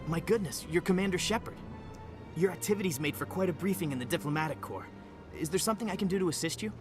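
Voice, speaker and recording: A man's voice: high-pitched, fast talker, close to an everyday voice. Man as a deferential diplomatic official, music behind. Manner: deferential, bureaucratic. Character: polite, smooth-talking diplomatic official. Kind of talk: video game acting.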